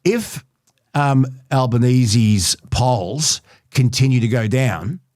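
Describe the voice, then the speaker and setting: A man's voice: medium pitch, takes it slowly, a little mellow, dry recording. Chatty Australian man hosting, dry studio. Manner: chatty, wry, talks in short bursts. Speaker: podcast host. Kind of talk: casual political chat.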